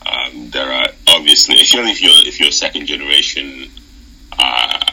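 Very deep-voiced man with slight Nigerian accent. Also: normal speed, bright, forceful tone, husky, rough recording. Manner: thoughtful, hesitant, many restarts. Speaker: podcast guest, seminary student. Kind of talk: casual conversation.

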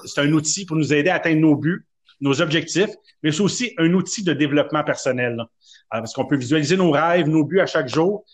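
A chatty man with a Québécois French accent and a fairly high voice, co-hosting a casual podcast chat. He tells stories loosely and pokes fun at himself. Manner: chatty, self-mocking, storytelling. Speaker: podcast co-host.

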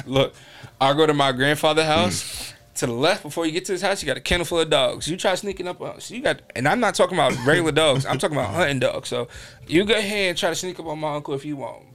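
A man's voice: on the high side, expressive, fast talker, fairly bright tone. A young man from New York hosting a podcast, telling stories casually and acting out quotes in a raised voice. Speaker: podcast host. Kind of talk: casual storytelling chat.

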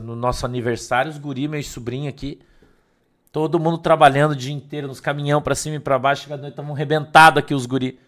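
A middle-aged man preaching a sermon, emphatic, swinging between loud stresses and soft asides. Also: mid-range voice. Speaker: pastor.

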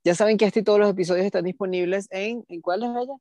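A man's voice: sits high, quick pace, darkish tone, no room sound. Playful man, dry close sound. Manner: camp, playful, gossipy storytelling. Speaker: podcast co-host. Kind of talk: casual chat.

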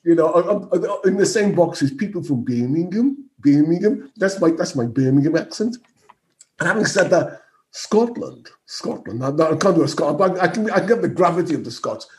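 A man with a notably high speaking voice. He talks casually on a panel discussion, animated and quick to laugh, slipping into playful impressions. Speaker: co-host.

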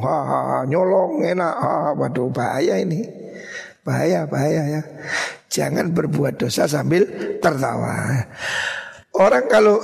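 A middle-aged man with a Javanese accent teaches a religious study session, moving between chanted Arabic lines and playful Javanese asides. His voice sits a little high with a gravelly edge. The sound rings with a long hall reverb. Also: a little mellow. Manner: mixes Arabic recitation with Javanese asides, jokes and mock laughter. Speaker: Islamic teacher. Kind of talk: kitab study sermon.

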